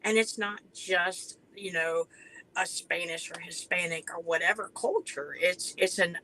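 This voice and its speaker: A woman's voice: on the low side, a little slow, pushed and bright, slight background noise, low-quality recording. A woman with an Appalachian accent talking casually and earnestly on a panel, in a folksy way that repeats words for emphasis.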